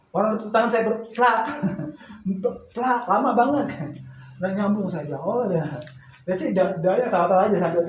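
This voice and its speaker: A man's voice: sits high, darkish tone, reverberant, poor audio. A man preaching at a home memorial service, telling his story in a loose, conversational way, often restarting and laughing. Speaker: pastor.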